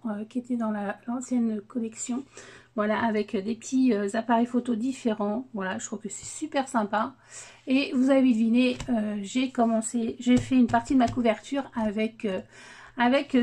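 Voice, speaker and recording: Slow, mellow-voiced woman unboxing craft papers. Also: fairly high pitch. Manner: hesitant, many fillers, enthusiastic about papers. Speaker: crafting vlogger. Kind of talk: casual unboxing chat.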